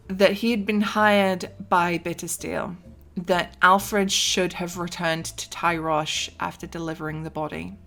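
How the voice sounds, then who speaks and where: A woman casually recapping a tabletop role-playing campaign, chatty and animated, with asides and sound effects. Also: lowish voice. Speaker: tabletop game player recapping a character.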